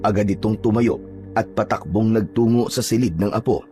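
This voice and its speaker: A man narrating a scripted horror story in a measured, dramatic way. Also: fairly low pitch, steady tone, dark tone, faint music behind.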